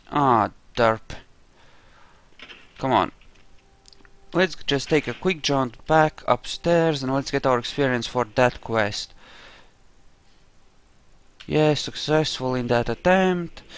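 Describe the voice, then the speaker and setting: A man narrates his own roleplaying game playthrough in casual let's play commentary, thinking aloud and rambling as he goes. His voice is medium-pitched, clear and resonant.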